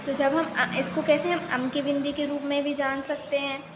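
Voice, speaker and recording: A woman's voice: high-pitched, level tone, normal speed. A woman teacher giving a primary school grammar lesson, asking questions and answering them herself as she spells out syllables. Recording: echoey room with faint noise.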